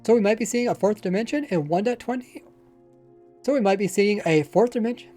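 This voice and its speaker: A man with a high, dark voice talks a little fast, chatting and rambling casually while streaming Minecraft. Faint music is audible behind his slightly mumbled, lazily pronounced speech, which has a faint accent.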